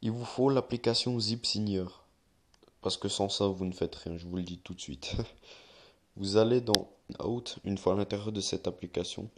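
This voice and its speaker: A man's voice: lowish voice, moderate pace. A young man giving a casual, rambling screen-recorded tutorial, with many fillers and restarts as he walks viewers through steps.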